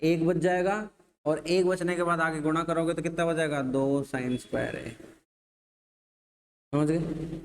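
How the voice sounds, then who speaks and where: A man's voice: fairly high pitch, fairly even intonation, a little slow, pauses often. A male maths teacher with a Rajasthani Hindi accent gives a classroom lecture, asking the class questions and then answering them himself.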